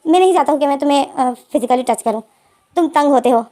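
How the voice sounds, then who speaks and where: A woman's voice: high-pitched, fast talker, dark tone, lightly acted. A woman voicing a guarded young man who firmly keeps his partner at a distance. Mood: cold, firm. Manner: firm, pushing away.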